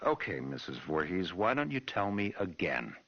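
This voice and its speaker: An actor playing a stern, skeptical American police chief who speaks bluntly and officially in a taped game interview. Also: male voice, low-pitched, very animated, moderate pace, full character voice. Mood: skeptical, impatient. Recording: dull, muffled old tape recording.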